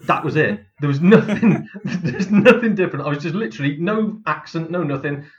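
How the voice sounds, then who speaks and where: A comedian guest on a casual podcast chats bluntly about his career, swearing freely and laughing through his stories. His voice is medium in pitch, and the sound is lo-fi.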